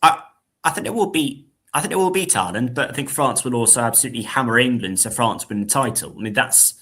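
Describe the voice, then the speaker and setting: A young man co-hosting a casual sports podcast, animated and dramatic, mocking himself. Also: mid-range voice, quick pace. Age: young adult. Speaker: podcast co-host.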